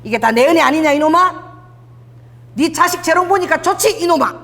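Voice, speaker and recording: A blunt divine father chides his child with lively swings in pitch. A woman preacher voices him in a roomy church hall with a long echo. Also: brisk. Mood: chiding. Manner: blunt, chiding. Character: God as a gruff scolding father.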